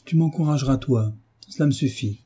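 A man's voice: mid-range voice, fairly quick, dark tone, slightly rough, close to an everyday voice. A man reading a novel aloud, voicing a sulky, hot-tempered teenage boy who defies his mother. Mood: sullen. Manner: sulky and defiant.

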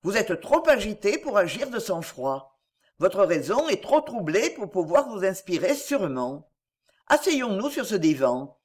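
A woman's voice: medium pitch, sing-song, unhurried, darkish tone, husky. A woman voicing a commanding noble duke. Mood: insistent. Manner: emphatic, insistent and earnest. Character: noble, warm but commanding duke, middle-aged man.

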